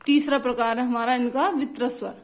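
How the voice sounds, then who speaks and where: Steady in tone, brisk, and a little high, a young woman leads a lesson by drilling phrases through repetition and pausing often to check in with her students, using words like "theek hai."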